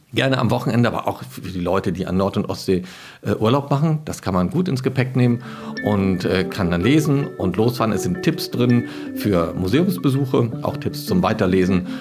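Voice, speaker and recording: A man talking as a historian and author guest in an interview, explaining with lively storytelling and occasional hesitations. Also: medium pitch, normal speed, faint music behind. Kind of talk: interview answers.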